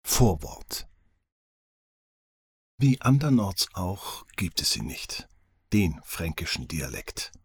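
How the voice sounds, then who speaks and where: A man's voice: low-pitched, big pitch swings, slow pace, pauses often, slightly rough. A man, an author reading his own foreword as audiobook narration, with dry, wry humor.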